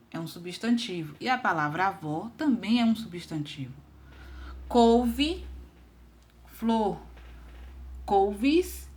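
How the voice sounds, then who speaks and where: A woman teaches a grammar lesson at a patient, steady pace. She reads out word pairs one by one and often stops to check in with her class. Her voice sits at an everyday middle pitch.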